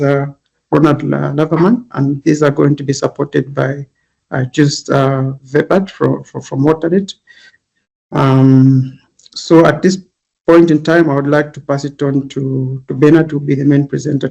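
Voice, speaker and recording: Gravelly man moderating, many fillers. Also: fairly high pitch, darkish tone, lo-fi sound. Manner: halting, filler-heavy speech. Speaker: webinar moderator. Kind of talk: hosting introduction.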